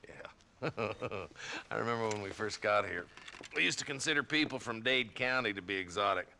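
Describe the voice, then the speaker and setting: Old frontier marshal, gravelly, lively intonation, folksy sarcasm. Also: male voice, lowish voice, normal speed, a little hiss or hum, full character voice. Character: aging small-town frontier marshal, weary and dry-witted.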